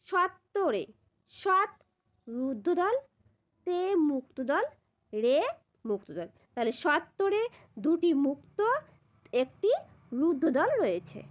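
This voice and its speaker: Lively high-voiced woman teaching a lesson. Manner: repeats a checking question at the end of each point; spells out syllables slowly. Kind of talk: classroom grammar lesson.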